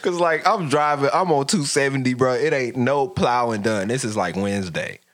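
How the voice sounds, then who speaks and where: A man's voice: medium pitch, moderate pace. A man chatting casually with friends in slangy, profane frat bro banter.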